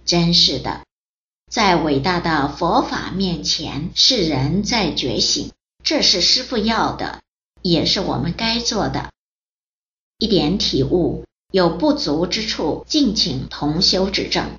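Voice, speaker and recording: Slow-reading woman in an echoey room. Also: on the low side, expressive, a bit bright. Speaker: reader of a personal testimony. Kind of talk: read-aloud first-person account. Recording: roomy, dull lo-fi recording.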